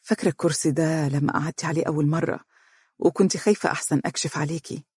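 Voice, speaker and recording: A man voicing a soft-spoken Egyptian husband. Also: on the high side, steady tone, racing, husky, dry recording, studio quality. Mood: tender. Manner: soft, hushed and tender. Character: loving, reassuring young husband, a doctor.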